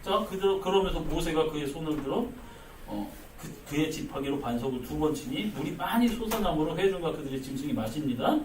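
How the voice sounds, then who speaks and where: A man preaching a lively sermon as pastor, acting out the quoted speech of the figures in the text. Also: fairly high pitch, brisk, noisy background. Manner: animated, acts out quoted speech. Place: church sanctuary. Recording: echoey church hall, mic at a distance.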